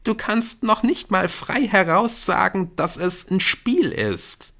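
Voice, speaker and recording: An anxious, earnest schoolboy, as a male audiobook reader puts him on, pleading and pressing his friend. The voice sits well above the reader's own, lifted high and swinging widely in pitch. It sounds urgent and worried throughout. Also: big pitch swings, measured pace, vocal fry, fairly bright tone, heavily acted. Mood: worried, insistent. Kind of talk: audiobook character voice.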